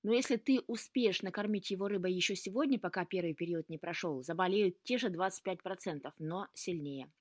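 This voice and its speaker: A woman reading the lines of a calm, wise woman healer in a story, who gives advice in an instructive, steady way. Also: lowish voice, fairly quick, hardly any pauses, no room sound, clean studio sound, close to an everyday voice. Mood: calm, advising.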